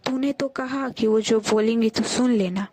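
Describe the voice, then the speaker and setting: A woman's voice: on the high side, normal speed, warm tone, dry recording, close to an everyday voice. A woman voicing a lovesick young female college student who complains and pleads in storybook dialogue. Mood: sulky.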